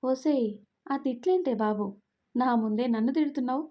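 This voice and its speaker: A woman's voice: high voice, normal speed, warm tone, lightly acted. A woman voicing a young man in love, fond, pleading and playful, in a storybook reading.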